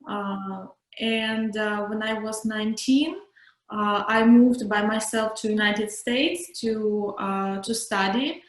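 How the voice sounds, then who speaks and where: Slow, hesitant young woman from Ukraine. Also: medium pitch, fairly even intonation, roomy sound. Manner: hesitant, many pauses and fillers. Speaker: interview guest, model. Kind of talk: casual video call interview. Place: home room indoors. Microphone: video call.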